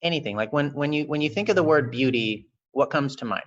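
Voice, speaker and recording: A young man hosting an online workshop over a video call, talking slowly with many fillers and restarts. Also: a little high, a bit bright. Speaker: workshop host. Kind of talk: casual online discussion. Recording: dull lo-fi video call audio.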